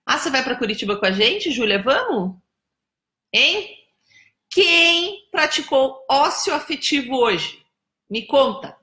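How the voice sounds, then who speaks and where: Teasing, bright-voiced Brazilian woman host. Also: high-pitched, big pitch swings, slow, echoey room. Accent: Brazilian Portuguese. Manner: chatty, teasing, greets viewers by name. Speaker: live stream host. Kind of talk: casual live chat with viewers. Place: indoors, home in São Paulo.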